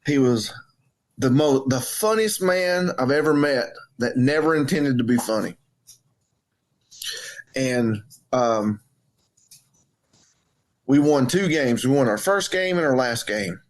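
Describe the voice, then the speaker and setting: Here the wrestling coach has a mid-range, expressive voice, speaking slowly and pausing often. As a podcast co-host he chats casually, trading banter and stories, blunt and jokey and swearing plenty.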